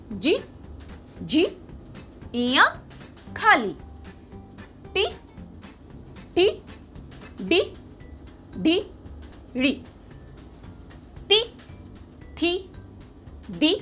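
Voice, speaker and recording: A woman's voice: sits high, bright, forceful tone. A woman teaching young children a writing lesson, patiently asking a question and repeating each sound.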